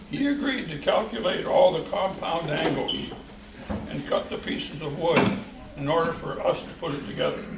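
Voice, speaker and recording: An older man telling unhurried, folksy stories about building a church, with small restarts as he speaks at a church event. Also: fairly high pitch, creaky. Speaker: charter church member. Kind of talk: reminiscing speech at a church event. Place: church hall. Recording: echoey hall, distant mic, noisy.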